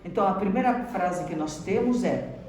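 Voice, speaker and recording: In a school lesson, a Brazilian woman with a Brazilian Portuguese accent explains each word patiently and checks in with the class after every point. She speaks at normal speed with lively intonation, medium pitch and a slightly mellow tone, recorded from afar with roomy echo and faint background noise.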